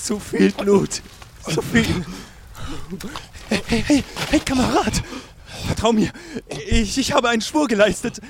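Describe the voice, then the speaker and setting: An actor playing a haunted, guilt-ridden army doctor, narrating his own memories in a brooding, slow audio drama monologue. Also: sits high, gravelly, noisy background. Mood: pleading. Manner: brooding, slow inner monologue, breaking into desperate pleading. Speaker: army doctor in a hospital train.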